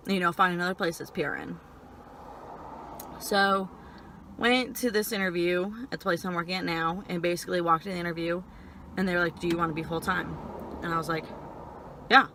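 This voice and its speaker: A young woman telling personal stories casually while eating and chewing, in halting phrases peppered with "like". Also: on the low side, steady tone, bright, forceful tone, slight background noise. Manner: frequent filler "like", halting stop-and-start phrasing. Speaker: vlogger. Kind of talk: casual personal storytelling chat.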